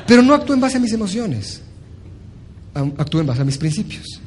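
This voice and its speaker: A man giving a motivational talk, animated and acting out little scenes as he teaches. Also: sits high, a little fast, slight background noise. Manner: animated, acts out stories with voices. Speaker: motivational speaker.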